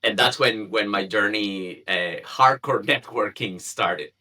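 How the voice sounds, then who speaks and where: A man from Chile, a native Spanish speaker in his thirties, speaking in a conversational interview as a guest and often pausing with fillers and restarts. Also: lowish voice, bright, forceful tone. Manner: hesitant, many fillers and restarts. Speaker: guest, community founder.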